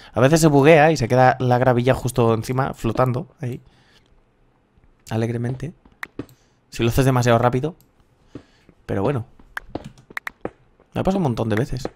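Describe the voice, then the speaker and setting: A man in his thirties with a Castilian Spanish accent, swearing freely and rambling excitedly as he comments on his own gameplay. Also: mid-range voice, normal speed, creaky, pauses often, slight background noise. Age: 30s. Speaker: gaming youtuber.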